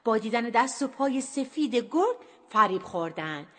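Expressive woman narrating a children's story. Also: on the high side. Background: music.

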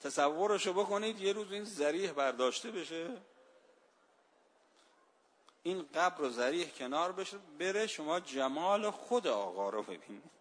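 A man preaching a sermon, telling a story with strong feeling and drawing out the lines of verse slowly. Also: on the high side, lively intonation. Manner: emotive storytelling, slows and stretches verse lines. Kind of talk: religious sermon.

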